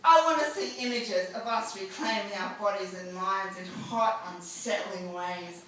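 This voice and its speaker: A woman performing a spoken-word poem live, defiant, crude and emphatic, now and then rising to shouts. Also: medium pitch, normal speed, far from the mic. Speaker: poet. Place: live event venue. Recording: echoey room, mic from afar.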